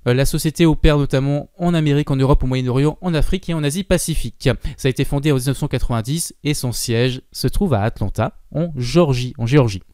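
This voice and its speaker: A man's voice: medium pitch, fast talker, few pauses, a little mellow, smooth, no room sound, clean studio sound. A man hosting his own investing channel, walking viewers through a stock in casual screen-share commentary with plenty of fillers and asides. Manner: informal, many fillers and asides.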